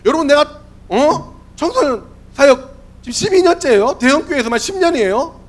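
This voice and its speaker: A lively youth pastor in his forties delivers a brisk youth sermon in a church sanctuary. His hoarse, worn, high-sitting voice jumps and drops in pitch constantly as he questions the audience and keeps asking if they agree.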